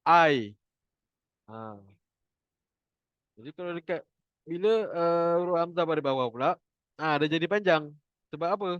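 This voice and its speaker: A man with a Malaysian Malay accent teaching Quran reading, slowly repeating each syllable for his students to copy and often starting lines with "ha". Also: a little high, animated, smooth, no echo, highs cut off. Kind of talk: online Quran reading class.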